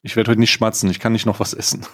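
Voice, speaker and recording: A man hosting a casual chat, excitable and scatterbrained as he unboxes an advent calendar, laughing often. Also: lowish voice, fast talker. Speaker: podcast host.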